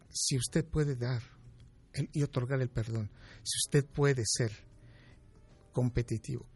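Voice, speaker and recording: Gravelly husky man advising. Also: a little high, darkish tone. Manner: emphatic, explains with examples. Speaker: doctor, expert guest. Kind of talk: interview answers giving advice.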